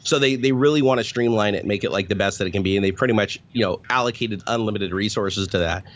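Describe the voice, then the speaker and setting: A former software tester co-hosts a podcast, chatting casually over a video call in a profane, rambling way. His voice is fairly low in pitch and his pace is quick. The call audio sounds dull and lo-fi.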